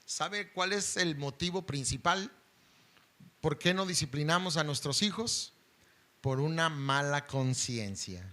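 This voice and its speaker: A middle-aged male pastor, preaching an impassioned sermon that swings from loud pleading to hushed intensity. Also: on the high side, expressive, measured pace.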